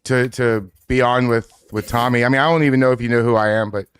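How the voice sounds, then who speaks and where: A man's voice: medium pitch, fairly even intonation, quick pace, fairly bright tone, clean tone. Profane upbeat man co-hosting a stream. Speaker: stream co-host. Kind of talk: casual livestream chat.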